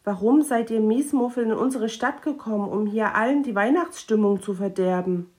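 A woman voicing a kind, earnest young boy who talks in a gentle, reassuring way. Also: on the high side, normal speed, voice pushed up, natural voice. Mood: questioning.

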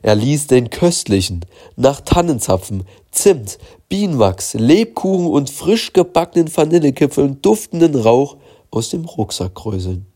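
A man narrates a children's storybook in a calm, measured way. His voice is mellow and warm at a middle pitch. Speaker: audiobook narrator.

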